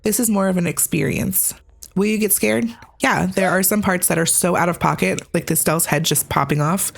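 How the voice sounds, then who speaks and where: A woman's voice: lowish voice, moderate pace, vocal fry, husky. A woman hosting a scripted game review, with a conversational, opinionated delivery. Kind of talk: scripted video review narration.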